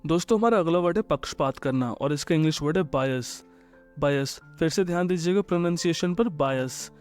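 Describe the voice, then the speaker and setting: A man with an Indian accent teaching English vocabulary, speaking in a friendly way and repeating each English sentence slowly. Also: fairly high pitch, smooth. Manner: friendly, addresses listeners as friends. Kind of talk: vocabulary lesson. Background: soft background music.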